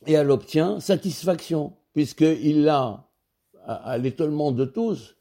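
Mellow, higher-voiced man teaching scripture. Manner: measured, repeats key words while explaining. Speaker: Torah teacher. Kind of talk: religious text lesson.

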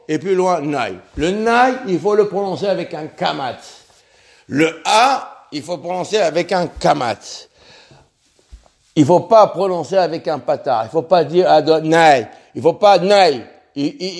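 Fervent rabbi-type teacher, fairly high male voice, stumbles over words and circles back to his points. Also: darkish tone. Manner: impassioned, repeats himself, stumbles and restarts words; sounds out Hebrew syllables slowly. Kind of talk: religious lesson.

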